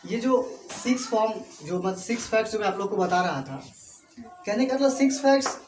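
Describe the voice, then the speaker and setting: A man's voice: high voice, expressive, a little fast, reverberant, slight background noise. A man teaching English to a class with an Indian accent, repeating points and often checking that students follow. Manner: repetitive, checks understanding often.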